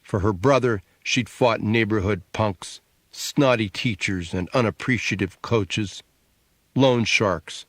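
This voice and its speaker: Low-voiced man narrating an audiobook. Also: slow pace, no echo, clean studio sound. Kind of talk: scripted narration.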